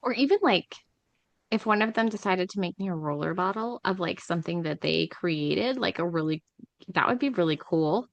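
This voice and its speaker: A woman's voice: fairly low pitch, animated, moderate pace, vocal fry, no room sound, muffled recording. A middle-aged woman co-hosting a podcast, rambling casually with lots of "like" and "um". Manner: rambling, filler-heavy, uses many "like"s. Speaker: podcast co-host.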